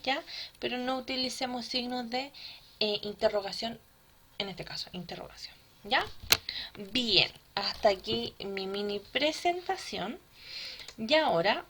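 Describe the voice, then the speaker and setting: Bright-voiced woman teaching grammar. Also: high voice, a little hiss or hum. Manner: patient, checks in with frequent "¿ya?". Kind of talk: grammar lesson for children.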